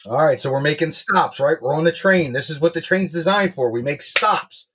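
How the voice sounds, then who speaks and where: Male betting co-host, higher-pitched and a bit husky, brash bro slang, lively swings. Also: moderate pace. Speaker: sports betting show co-host.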